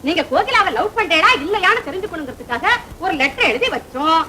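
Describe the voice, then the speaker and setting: An actress playing a meddling, quick-tongued woman who scolds and carries on dramatically in an old Tamil film comedy. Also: extremely high pitch, animated, sharp tone, a little hiss or hum, exaggerated voice. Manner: scolding, theatrical. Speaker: film character, meddling neighbour.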